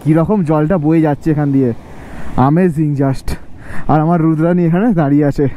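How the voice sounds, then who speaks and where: Indian guy vlogging his motorbike trip up a mountain, quick high voice, a bit out of breath, noisy outdoor recording. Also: steady tone, mellow. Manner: talks slowly in short phrases to save breath. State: short of breath at high altitude. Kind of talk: casual travel vlog narration. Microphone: action camera or phone on the bike trip.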